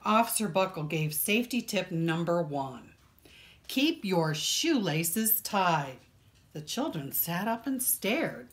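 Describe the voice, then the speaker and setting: A librarian with a voice on the low side reads a picture book aloud to children, telling the story expressively and landing dramatic, deliberate emphasis on key words.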